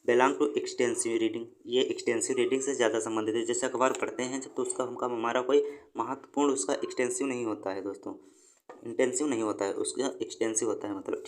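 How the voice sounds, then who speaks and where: A male teacher talks through an exam-prep lesson at a mid-range pitch. He repeats each term several times and stumbles slowly through English definitions. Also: poor audio. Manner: explains slowly, repeats terms, reads English lines haltingly.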